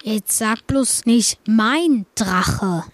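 A woman's voice: on the high side, animated, drawn-out words. A girl playing a timid boy who is haunted by a dragon, in a children's radio play. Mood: uneasy. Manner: anxious, stammering.

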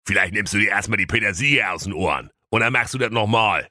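A man's voice: lowish voice, quick pace, bright, forceful tone, no echo, clean studio sound. A man voicing a hot-tempered old king who blusters and scolds in a comic storybook. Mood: grumpy. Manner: blustering, irritable.

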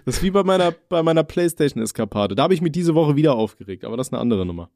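A man's voice: on the high side, very animated, racing, darkish tone, no echo, studio quality. A man telling rambling stories in casual chat as a podcast co-host, full of slang. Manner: rambling slangy storytelling, says "Alter" often.

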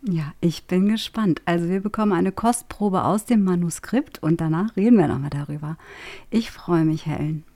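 A woman's voice: lowish voice, normal speed, dark tone. A woman hosting a podcast, briefly and amiably introducing an author's reading. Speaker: podcast host. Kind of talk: casual introduction.

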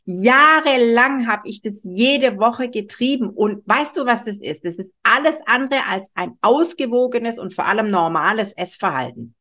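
Woman, middle-aged, podcast host, emphatic and strict, fairly high voice, speaks into a studio mic. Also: animated, normal speed, hardly any pauses, pushed and bright. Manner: emphatic, strict, frequent tag "ja?". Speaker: podcast host, weight-loss coach. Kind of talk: monologue podcast, direct address. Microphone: studio microphone.

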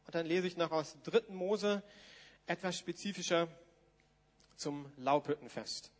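A man's voice: on the high side, a little slow. A man, preaching informally to a congregation and reading scripture aloud in a church hall. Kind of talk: sermon with Bible reading. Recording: long hall reverb.

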